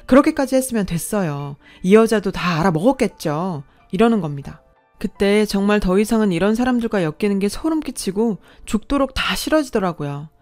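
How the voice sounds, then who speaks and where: A woman narrating a scripted story of betrayal in a steady, aggrieved tone. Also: mid-range voice, no room sound. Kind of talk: scripted radio drama narration. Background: faint background music.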